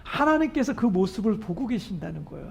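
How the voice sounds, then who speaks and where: Very animated and fairly quick, this pastor preaches earnestly and keeps asking his listeners questions. The voice is a little mellow but hoarse and weakened, cracking on high notes.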